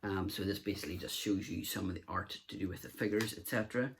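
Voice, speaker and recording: A man's voice: low voice, quick pace, slight background noise. A man hosting a collector vlog, talking casually and rambling through his books. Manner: rambling, with many fillers and restarts. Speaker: collector video host. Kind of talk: casual show-and-tell vlog.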